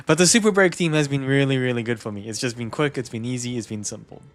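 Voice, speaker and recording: A young man with a New Zealand accent chats casually with his stream viewers as a game streamer. His mid-range voice moves fairly quickly, and he's easygoing, chuckling often and repeating words.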